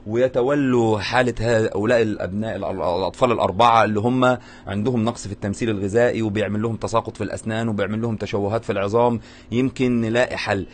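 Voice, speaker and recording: A man with an Egyptian Arabic accent, a reporter asking gentle, probing questions in a news interview. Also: on the low side, steady tone, rapid-fire, slight background noise.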